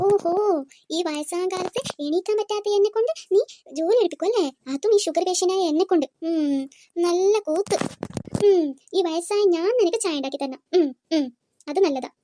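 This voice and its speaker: A woman's voice: very high voice, normal speed, dark tone, slight background noise. A woman voicing a bossy, self-pitying old mother-in-law in a cartoon, scolding and sarcastic as she complains. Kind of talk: cartoon voice acting.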